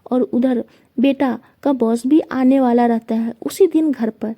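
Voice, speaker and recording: Woman storyteller, high voice, very soft and dark in tone, plain narration. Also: measured pace. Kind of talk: reading a family story aloud.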